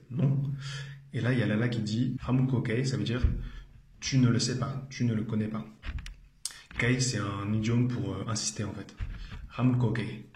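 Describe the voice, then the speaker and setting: A man's voice: medium pitch, a little mellow. Guy teaching a language lesson, repeats everything, lots of ums, roomy echo. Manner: patient, repeats each phrase, frequent hesitations. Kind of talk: explanatory video lesson.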